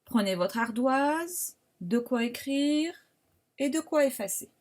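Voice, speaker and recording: Woman, French accent, primary school teacher, phonics dictation, slow and patient, lively pitch. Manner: slow, patient, articulates syllables carefully. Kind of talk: remote phonics lesson, syllable dictation.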